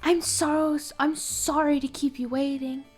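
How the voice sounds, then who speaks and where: A woman's voice: high voice, level tone, a little slow, soft background music, voice pushed up. A woman voicing a gracious young woman who guards a fashion exhibit in a video game, speaking in a sweet, apologetic, courteous way.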